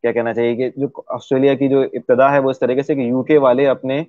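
A man from Pakistan, a guest in an interview, explaining things at length and pausing often on drawn-out fillers. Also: medium pitch, level tone, no echo, faint music behind. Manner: hesitant, many drawn-out fillers. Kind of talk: explanatory conversation. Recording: dry, tinny phone-like sound.

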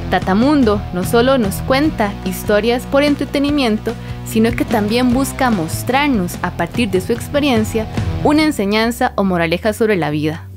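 With music in the background, a woman delivers prepared, formal literary commentary in a professor's didactic style, appearing as a literature professor and guest specialist. Her voice is on the high side and expressive, moving at a normal speed.

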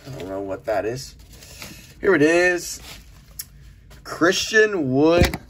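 This young man's voice is on the high side, sing-song, slow and fairly bright as he chats casually through a trading card unboxing at a desk in a small room. Package handling adds clicks, crinkles and crumpling to a noisy recording.

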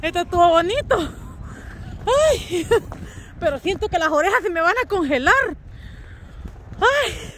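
A woman vlogging outdoors in the snow, shouting encouragement, laughing and teasing her family. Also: very high voice, big pitch swings, unhurried, pauses often, slight background noise. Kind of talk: casual outdoor vlog chatter.

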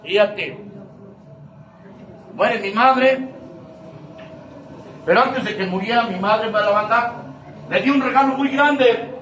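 Mexican man, high voice, emphatic slang-heavy recovery testimony; distant mic in an echoey room. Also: slow pace, pauses often, fairly bright tone, a little hiss or hum. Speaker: speaker sharing his recovery testimony.

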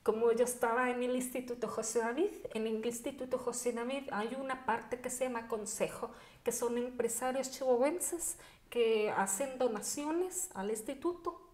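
A woman's voice: on the high side, normal speed, a little mellow. A young woman, recounting a story as a podcast guest. She talks animatedly, leans on fillers and acts out little quoted lines. The room gives her voice a noticeable echo. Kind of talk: casual storytelling. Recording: echoey room.

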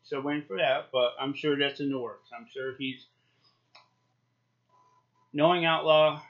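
A man's voice: a little high, steady tone, a little slow. A man in his forties giving a casual, chatty review to camera, talking with a lip full of dip. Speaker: YouTube product reviewer. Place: small home office, indoors. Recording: dull, lo-fi webcam sound.

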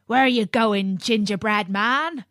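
A woman voicing two gruff male ditch diggers who scoff and challenge. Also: on the high side, very animated, extremely slow, sharp tone, dry recording, clean studio sound, pitched above the performer's own voice, exaggerated voice.

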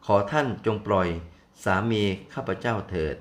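An older man voicing a gentle, devoted female elephant who speaks sweetly and soothingly. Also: on the low side, expressive, normal speed, close to an everyday voice.

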